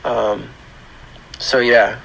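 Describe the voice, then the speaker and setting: A man with a hoarse, grating voice from a sore throat gives casual, unscripted gaming commentary in a halting, matter-of-fact way. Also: mid-range voice, little pitch movement, fairly bright tone, poor audio. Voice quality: rough, grating. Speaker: gaming channel host. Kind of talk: casual video game account tour commentary.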